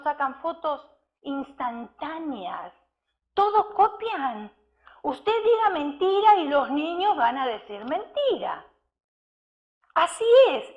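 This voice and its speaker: A woman preaches a sermon, her voice pitched high. She tells a story and keeps turning questions to her congregation. The recording sounds muffled and lo-fi. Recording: dull lo-fi sound.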